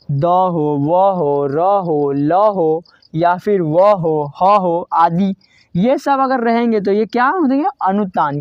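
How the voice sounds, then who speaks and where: A woman's voice: mid-range voice, dark tone, no room sound. A woman teaching a grammar lesson, asking a question and answering it herself over and over. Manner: drilling students with repeated questions and answers. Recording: dull dry lo-fi recording.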